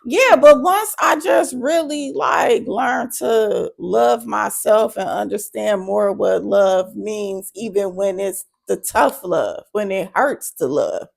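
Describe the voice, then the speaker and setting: Woman, 30s, podcast co-host, casual chat, gravelly fry, emphatic, candid. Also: slow pace, few pauses. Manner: candid, emphatic, jumps into high-pitched quoted asides.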